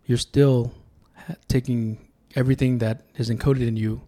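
This Sacramento, California man, a political candidate whose first language was Tongan, shares reflective stories as a guest in a casual podcast conversation. His mid-range voice is dark, his intonation fairly even, and his pace moderate.

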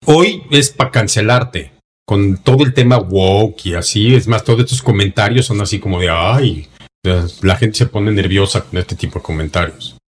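Born in Denver but raised in Mexico, a man with a Mexican Spanish accent co-hosts a relaxed podcast conversation, ridiculing phrases in mock voices. He speaks at a moderate pace in a fairly low voice.

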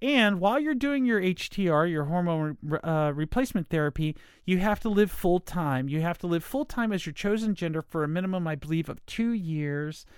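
A woman's voice: fairly low pitch, animated, a little fast, few pauses, darkish tone, smooth, no echo, clean studio sound. A middle-aged American woman in a casual, rambling, apologetic monologue, emphatic at times, her speech slightly impeded by dental aligners. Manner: rambling, circling back, apologetic.

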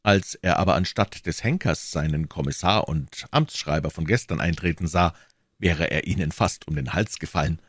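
A man with a very deep voice narrates a classic novel for an audiobook. His reading is lively and wide-ranging in pitch, and the close, dry recording has no room sound. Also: no echo. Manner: expressive, measured storytelling.

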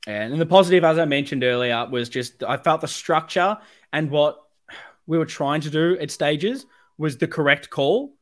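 A man with a fairly high voice and a broad Australian accent talks as a podcast host. He discusses football like a devoted fan, emphatic and loose, rambling along with casual swearing. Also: moderate pace.

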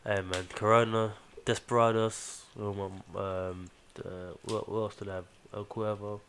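A man's voice: lowish voice, little pitch movement, unhurried, fairly bright tone, a little hiss or hum. A man with a London roadman accent hosting a podcast in casual, slang-heavy chat, swearing freely. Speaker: podcast host.

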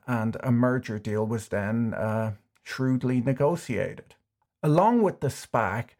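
A man hosting a scripted finance explainer, delivering it with dry, wry deadpan humor. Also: mid-range voice. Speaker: YouTube finance commentator.

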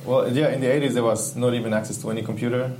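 A game UI/UX artist from Ecuador talks rapid-fire in a mid-range voice as a guest in a laid-back interview. Enthusiastic and reflective, he keeps searching for the right words. The recording is rough, with a steady background hum.

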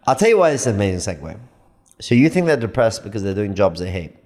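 A man's voice: lowish voice, fast. Emphatic man in his late thirties. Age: 30s. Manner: animated, emphatic, interrupts and repeats himself. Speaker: podcast guest. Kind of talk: casual podcast debate.

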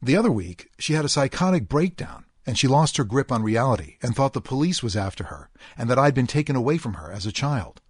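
A middle-aged man hosting a podcast, talking in an earnest, deliberate way and stretching out key words as he reads a listener's post. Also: mid-range voice, sing-song, slightly rough, no echo, studio quality. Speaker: podcast host. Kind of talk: podcast monologue reading a listener posting.

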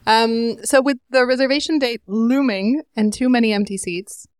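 A woman's voice: fairly high pitch, fairly even intonation, normal speed, clean tone, no room sound, studio quality. A woman, a podcast correspondent, telling a wry story in a chatty way.

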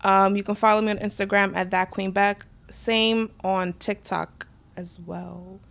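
A woman in her twenties co-hosts a podcast in relaxed, casual talk. She is chatty and keeps things light with quick asides. She grew up in the United States. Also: medium pitch, gravelly. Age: 20s. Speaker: podcast co-host. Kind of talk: casual chat.

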